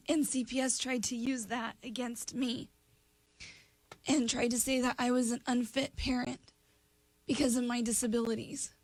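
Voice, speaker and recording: Woman, hoarse and raspy, losing her voice, fairly high pitch, dry close sound, apologetic, personal testimony. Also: flat delivery, moderate pace, a little mellow, no room sound, rough recording. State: losing her voice, throat clearing.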